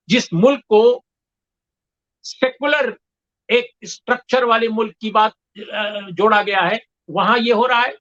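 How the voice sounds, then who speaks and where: Emphatic man with a bright, lo-fi voice. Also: high-pitched. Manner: measured, emphatic, frequent pauses and fillers. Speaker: guest commentator. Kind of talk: discussion interview. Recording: dull lo-fi sound.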